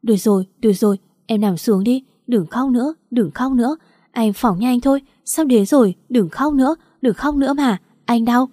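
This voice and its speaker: A woman's voice: a little high, lively intonation, brisk, mellow, no echo, clean studio sound, close to an everyday voice. A woman voicing an angry young male police officer in a narrated story, stern and commanding. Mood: pleading.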